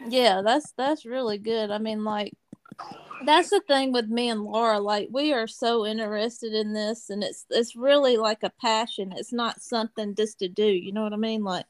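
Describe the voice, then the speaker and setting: A woman's voice: on the high side, steady tone, moderate pace, no echo. A woman hosting a podcast, eager and casual, often saying "like" and "you know what I mean". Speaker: podcast host. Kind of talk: casual interview chat.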